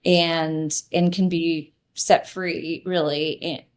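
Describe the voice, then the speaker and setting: A woman in her fifties hosts a relaxed podcast chat in a slightly low voice. She encourages her guest and steers the talk along. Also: takes it slowly. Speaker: podcast host. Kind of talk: casual podcast interview.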